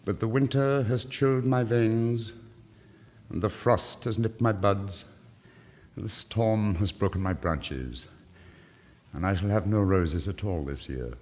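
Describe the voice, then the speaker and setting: A grave, stately rose tree from a fairy tale, voiced by a man, speaking in solemn, measured phrases. The acting is in an old literary record style. A long reverb hangs on the vintage recording. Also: lowish voice, a little mellow, close to an everyday voice. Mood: solemn, sorrowful.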